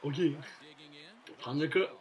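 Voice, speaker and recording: At a normal speed, a man with a Quebec French accent narrates his own baseball video game in a casual, excitable way. He drops English phrases, curses a lot, and alternates between mumbling low and cheering loudly. The audio is rough.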